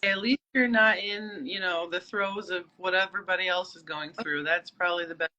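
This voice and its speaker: A woman's voice: on the low side, fairly even intonation, a little fast, sharp tone, dull audio. A woman co-hosting a casual live-stream chat, friendly and laughing often. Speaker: co-host.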